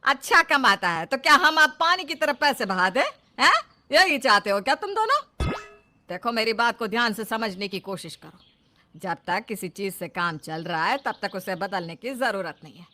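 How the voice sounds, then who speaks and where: A woman's voice: on the low side, moderate pace, pitched below the performer's own voice. A woman voicing a stubborn, scolding old mother-in-law in a cartoon story. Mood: dismissive. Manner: scolding, sharp retorts. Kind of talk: cartoon dub.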